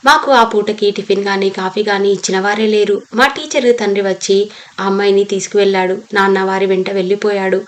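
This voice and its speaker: A woman reading a novel aloud as an audiobook narrator, telling the story steadily and reading every character's lines in her own voice. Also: mid-range voice.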